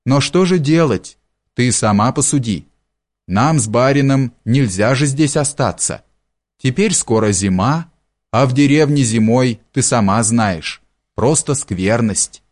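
A man voicing a conceited young valet who talks down with pompous, drawn-out condescension. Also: medium pitch, lively intonation, a little mellow, natural voice. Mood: condescending.

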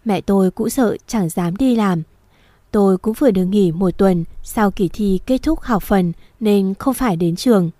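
A woman reading a first-person story aloud in a steady, somber storytelling manner. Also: mid-range voice, moderate pace, dry recording, studio quality. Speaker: narrator.

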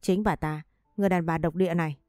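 A woman's voice: lowish voice, steady tone, fast talker, darkish tone, no echo, studio quality, faint music behind, lightly acted. A woman voicing a furious, grieving second wife who bites out each word with bitterness.

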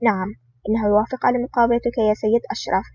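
A reader plays a giant, gruff male bodyguard who speaks coldly and curtly. The reading is quick, on a dull, lo-fi recording with faint hiss. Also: mid-range voice, fairly even intonation, darkish tone, lightly acted. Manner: cold, curt. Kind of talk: audiobook reading.

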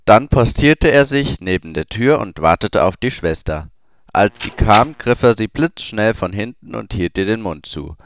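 Deep-voiced male audiobook narrator. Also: clear, resonant tone, dry recording. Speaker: audiobook reader.

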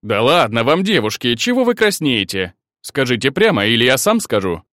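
A brash male guard commander, put on by a male narrator, who mocks and drawls his lines in a storybook reading. The voice is lively and swings about in pitch. The recording is dry and close. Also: moderate pace, dry recording. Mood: teasing. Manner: teasing, laughing, drawling.

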